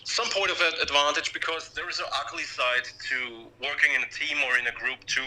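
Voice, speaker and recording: A man speaking as a radio show caller in a discussion, with hesitant, halting phrasing and repeated words. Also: a little high, steady tone, sharp tone, low-quality recording.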